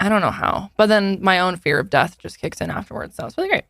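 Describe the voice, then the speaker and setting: A woman's voice: fairly low pitch, fast, vocal fry, a bit bright, dry recording, studio quality. A woman in her twenties co-hosting a podcast, chatting casually and filling her talk with "like". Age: 20s. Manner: chatty, fills with "like" often. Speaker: podcast co-host.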